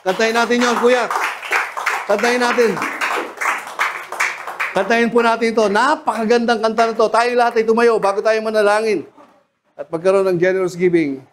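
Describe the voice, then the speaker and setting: A man with a Filipino accent preaching a sermon as pastor in a church, swinging from soft passages to loud shouts. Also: high voice, fairly even intonation, moderate pace, pauses often, a little hiss or hum. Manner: swings from soft to loud shouts, laughs at his own points.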